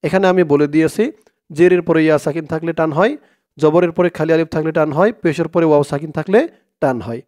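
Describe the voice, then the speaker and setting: A man teaching Quran reading, spelling words out letter by letter and chanting the Arabic verses slowly. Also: fairly high pitch, steady tone, a little mellow.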